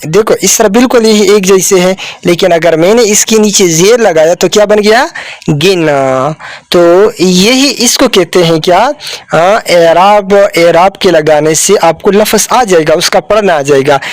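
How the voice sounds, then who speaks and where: A man's voice: high voice, a little slow, no echo. A man teaching a children's Urdu lesson, who addresses the listener as a child, asks questions and answers them himself, and repeats words often.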